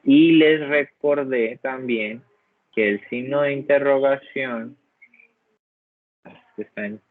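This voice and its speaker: Through a video call, a man with a mid-range voice walks his class through English grammar patiently, one step after another. "¿Listo?" he keeps asking as he checks in with students. The audio is dry and phone-like, with no room sound.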